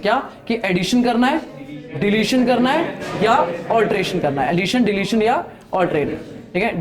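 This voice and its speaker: Guy from delhi lecturing a class, high voice, keeps asking okay?. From Delhi, India. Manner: quizzes students, keeps checking "okay?". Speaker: accounting teacher. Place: classroom with students.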